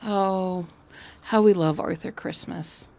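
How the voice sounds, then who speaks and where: A woman's voice: fairly low pitch, steady tone, slow, gravelly, a little mellow. A woman co-hosting a casual movie podcast. She is chatty and upbeat, often chiming in with agreeing murmurs. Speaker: podcast co-host.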